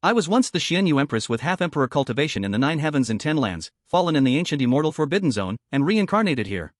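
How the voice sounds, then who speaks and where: A fallen empress, reborn and wary, who lays out her plea with earnest gravity, read by a male narrator. The voice is somewhat high and dry, close to the mic. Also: very animated, fast, dry recording. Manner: earnest, serious explaining. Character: tall graceful reincarnated empress, woman, guarded.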